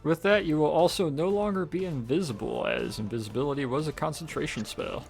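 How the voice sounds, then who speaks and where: A man narrating as game master, animated and laughing often as he counts out rolls and moves. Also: a little high, a little fast, creaky, soft background music.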